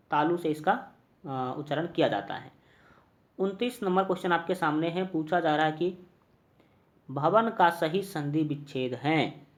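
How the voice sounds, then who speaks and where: A man with a Bihari Hindi accent teaching an exam-prep lesson, going through multiple-choice questions one by one, repeating each answer and filling pauses with hesitations. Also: a little high. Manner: repetitive, drills answers, many fillers.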